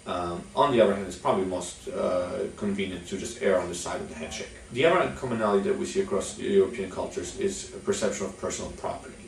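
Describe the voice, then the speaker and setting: A young Polish man, a chamber of commerce executive, gives an instructional talk to camera from an office with a logo backdrop. His very low voice has vocal fry, and his measured delivery is full of "uh" fillers. The mic is distant, so the room sounds echoey.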